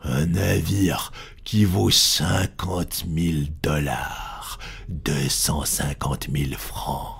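A man's voice: very deep voice, steady tone, extremely slow, gravelly, a bit bright, slightly rough, pitched below the performer's own voice, exaggerated voice. A man voicing a furious, blustering American sea captain in a read-aloud storybook, swearing and indignant.

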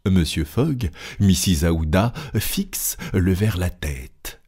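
A man narrating an audiobook in a steady, deliberate storytelling manner. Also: low-pitched, husky. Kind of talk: scripted narration.

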